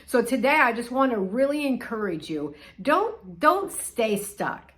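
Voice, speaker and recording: A woman's voice: fairly high pitch, very animated, a little slow, a bit bright. A middle-aged woman, a life coach, giving a conversational, encouraging faith talk with casual fillers.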